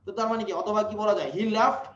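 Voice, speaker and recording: High-voiced man teaching English. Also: fairly even intonation, very fast, slight background noise. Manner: repeats points, quizzes listeners often. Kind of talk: online lecture. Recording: echoey, muffled, from afar.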